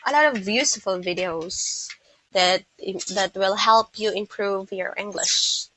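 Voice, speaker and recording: A woman English teacher giving an online pronunciation lesson, explaining slowly and carefully with some restarts. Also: medium pitch, fairly bright tone, rough recording.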